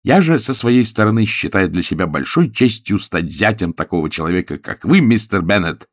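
A smooth-talking young suitor, as a male reader voices him, pitched a little above the narration. He rolls out eloquent, cheerful phrases with an animated melody. The sound is dry. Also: moderate pace, no echo. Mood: glib. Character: young man, self-assured suitor, glib and smooth-talking.

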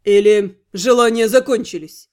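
A woman's voice: mid-range voice, a little slow, darkish tone, pitched below the performer's own voice, close to an everyday voice. Woman voicing a scornful, menacing male fairy lord. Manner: cold, contemptuous, sarcastic. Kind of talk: audiobook character voice.

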